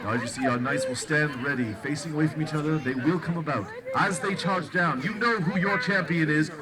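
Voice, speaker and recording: A man's voice: fairly high pitch, brisk. A man announcing a joust in a playful, grandiloquent, olde Renaissance fair manner, addressing an audience outdoors. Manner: theatrical, grandiloquent, playful old-fashioned phrasing. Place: outdoors at a fairground jousting field. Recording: noisy outdoor fairground with loud crowd.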